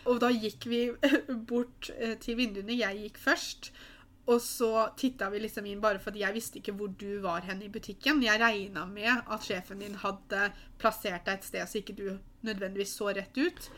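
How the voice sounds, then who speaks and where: A young woman casually retelling a surprise with a friend, animated and giggly. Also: medium pitch. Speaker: friend of the bride. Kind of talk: casual storytelling chat.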